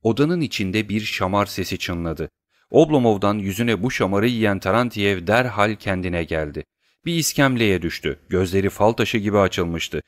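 Brief: male audiobook narrator, low voice, measured reading, dry close sound. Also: no echo. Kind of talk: scripted narration.

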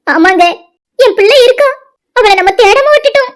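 A woman's voice: very high voice, expressive. A woman voicing a grieving cartoon mother who pleads about her lost daughter. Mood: pleading. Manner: pleading, fast. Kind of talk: cartoon voice acting.

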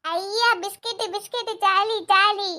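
A very high, bright voice plays a grown woman behaving like a five-year-old in a cartoon, acted by a woman. She whines and sing-songs in a Kanyakumari Tamil accent, with a sharp, piping edge to every word. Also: fairly even intonation, slow pace, full character voice. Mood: playful. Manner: childish, whiny, sing-song. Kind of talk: cartoon voice acting.

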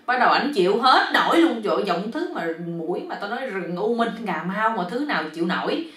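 An animated woman, telling a joke story in a chatty, easygoing way. Her pitch rises and falls in lively swings. The voice is roomy and slightly distant from the mic. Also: fast talker. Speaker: joke storyteller, channel host. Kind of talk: casual comic storytelling.

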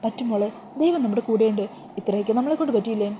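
A gentle, motherly middle-aged woman, read by a woman narrator. The voice is soft and dark-toned with a quick pace, and faint noise sits behind it. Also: on the high side, natural voice. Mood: reassuring. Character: kind middle-aged mother reassuring children.

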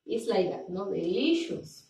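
A woman teacher, leading a bilingual English lesson and drawing out words slowly as she repeats them for pronunciation drills. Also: mid-range voice, very animated, mellow. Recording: echoey room, distant mic, faint noise.

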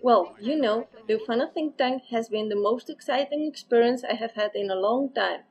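A woman's voice: a little high, normal speed, highs cut off. A young woman from Spain speaking enthusiastically to her webcam as a course participant. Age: young adult. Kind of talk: self-recorded video statement. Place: room at home.

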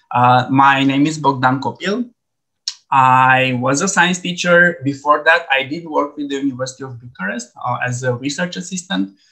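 Bright-voiced man leading a webinar. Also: mid-range voice, low-quality recording. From Romania. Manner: friendly, relaxed presenter with frequent "uh" fillers. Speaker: edtech trainer. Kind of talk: online training webinar. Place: home office, video call.

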